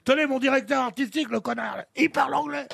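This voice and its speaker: A man voicing an exasperated, boastful circus director in a joke he tells, shouting scornfully. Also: very high-pitched, fast talker, vocal fry, breathy edge, exaggerated voice.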